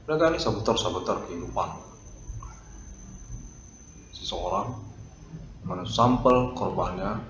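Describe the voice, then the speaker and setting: A man reading a stiff, repetitive formal statement with long pauses. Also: low voice, expressive. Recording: lo-fi roomy recording with noise.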